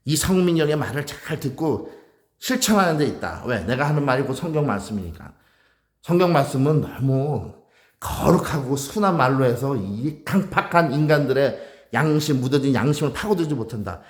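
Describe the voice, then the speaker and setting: A man preaching a sermon as pastor, fiery and rebuking, acting out voices and shouting. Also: medium pitch, expressive, normal speed, reverberant.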